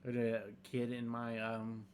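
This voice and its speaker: A young adult man co-hosting a podcast speaks at medium pitch with a completely flat delivery, and there's a slight hiss or hum. He rambles and halts, chatting loosely with lots of fillers and restarts, and sometimes reads a script aloud.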